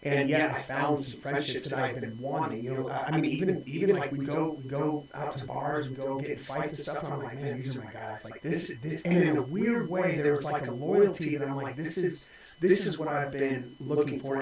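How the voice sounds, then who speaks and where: Pastor in his forties, mid-pitched, thoughtful and rambling, heavy room echo. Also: brisk, a little hiss or hum. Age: 40s. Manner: reflective, many restarts and fillers. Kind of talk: casual conversation. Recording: very echoey room.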